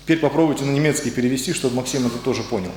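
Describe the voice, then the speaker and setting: Speaking very fast with a medium pitch and a darkish tone, a man gives a conversational sermon in a church hall. He's hesitant, groping for words, and poses questions to the congregation, with the hall's echo and faint ambience audible.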